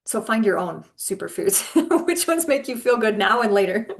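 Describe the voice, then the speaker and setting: A woman's voice: medium pitch, sing-song, moderate pace, gravelly. Earnest woman health coach explaining. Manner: earnest, explanatory, frequent ums. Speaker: functional health coach guest. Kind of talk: advice in casual interview.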